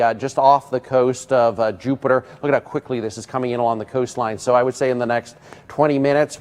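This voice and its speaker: American weather guy on live tv, medium voice, stop and start, lots of uhs while he explains the storm. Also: medium pitch. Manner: hesitant, halting phrasing with many pauses. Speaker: TV meteorologist. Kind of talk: live ad-libbed weather commentary.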